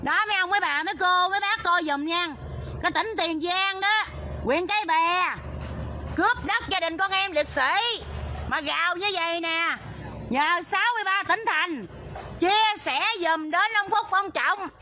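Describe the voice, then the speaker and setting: High, bright, agitated Southern Vietnamese woman. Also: moderate pace, a little hiss or hum. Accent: Southern Vietnamese, Mekong Delta. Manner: agitated, pleading, repeats "there" to point things out. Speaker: protester livestreaming a land dispute. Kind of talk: impassioned livestream appeal. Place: outdoors by a road near a school.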